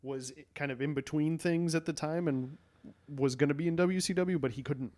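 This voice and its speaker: A man co-hosting a podcast, chatting in a relaxed, amused way. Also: fairly high pitch, normal speed. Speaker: podcast co-host. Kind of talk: casual chat.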